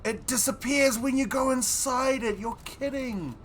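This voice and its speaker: A man's voice: extremely high pitch, unhurried, a bit bright, slight background noise. A man streaming a game, chatting casually and thinking aloud with frequent laughter. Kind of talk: casual live gameplay chat.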